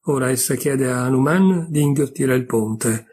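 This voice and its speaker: A man's voice: medium pitch, normal speed, darkish tone, husky, lightly acted. A man reading aloud as an eager, loyal parrot in a storybook tale. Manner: eager, shrieking.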